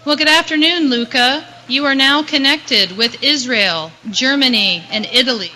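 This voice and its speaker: A woman moderating a live call to a space station over a radio loop, speaking in formal, measured radio procedure. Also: sits high, bright, forceful tone, poor audio. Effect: space-to-ground radio loop. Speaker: event moderator. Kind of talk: formal mission communication.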